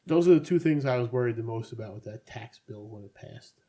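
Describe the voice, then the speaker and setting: A man's voice: medium pitch, expressive, quick pace, warm tone. Sardonic man chatting. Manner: rambling, sardonic asides. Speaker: podcast co-host. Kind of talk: casual chat.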